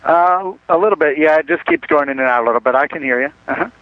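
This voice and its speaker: A man's voice: a little high, fast talker. A man working a ministry order line, heard over a phone line, polite, patient and apologetic with a caller. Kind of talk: customer service phone call. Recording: tinny, dry phone line.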